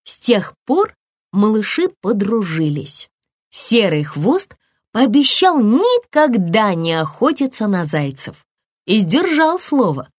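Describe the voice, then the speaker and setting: A woman narrating a children's audiobook in an expressive storytelling voice, recorded on a close microphone. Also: no room sound. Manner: expressive storytelling with lively pitch.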